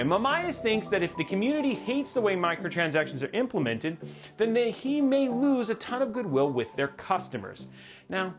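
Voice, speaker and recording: A man hosting a livestreamed tech news show, animated and jokey, with dramatic asides. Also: a little high, muffled recording. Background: music playing under the voice.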